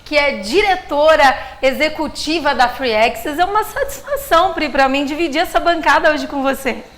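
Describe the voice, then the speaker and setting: Brief: high-pitched woman presenter, upbeat live TV host, roomy studio sound. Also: lively intonation, normal speed, a bit bright. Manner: upbeat, asks questions, announces phone number. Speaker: TV journalist, host.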